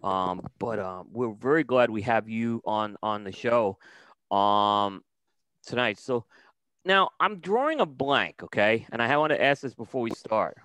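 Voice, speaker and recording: Lively middle-aged male host on headset. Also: medium pitch, clear, resonant tone, dry recording, poor audio. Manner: enthusiastic, halting, many fillers. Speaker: show host. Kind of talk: casual interview. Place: studio with logo backdrop.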